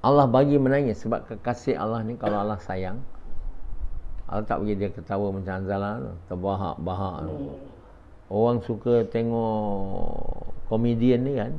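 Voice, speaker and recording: A man's voice: fairly low pitch, fairly even intonation, normal speed, a little hiss or hum. A man giving an after-dawn religious lecture, often asking the audience questions and dropping in short "ha" interjections. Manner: peppers speech with short "ha" interjections. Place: a house in a residential area. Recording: dull lo-fi recording.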